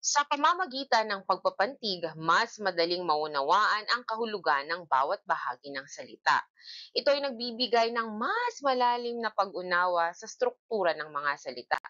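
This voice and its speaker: A woman teaching a children's reading lesson, drilling words slowly and clearly by syllable and asking the class questions. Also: medium pitch, sharp tone, dull audio. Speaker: grade one teacher.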